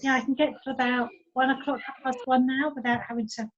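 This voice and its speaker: Brief: cheerful woman, high voice, talking on a video call with some noise behind her. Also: level tone, quick pace, highs cut off. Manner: cheerful, chatty, laughs between sentences. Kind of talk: casual chat.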